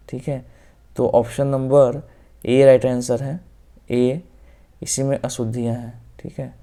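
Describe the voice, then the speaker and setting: Calm, flat-toned male Hindi teacher. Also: mid-range voice. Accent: Hindi-speaking North Indian. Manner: explains step by step, repeats answers, often says "ok". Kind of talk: exam-prep lesson walking through questions.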